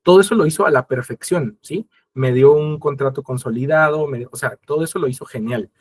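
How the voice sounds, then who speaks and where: A man's voice: mid-range voice, a little fast, breathy edge. A man presenting an instructional webinar, explaining step by step, addressing his audience directly and acting out quoted conversations.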